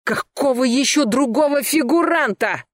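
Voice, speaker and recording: A reader voicing an agitated male suspect who shouts and protests his innocence under interrogation. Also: medium pitch, normal speed, no room sound, clean studio sound, voice pushed up, lightly acted. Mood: indignant shouting. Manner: shouting, indignant, defensive. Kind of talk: audiobook character voice.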